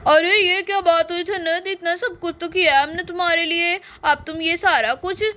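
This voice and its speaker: A woman's voice: extremely high pitch, steady tone, moderate pace, bright, forceful tone. A woman voicing a joking, scheming older brother in a doll-play story. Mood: teasing. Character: teasing older brother, young man.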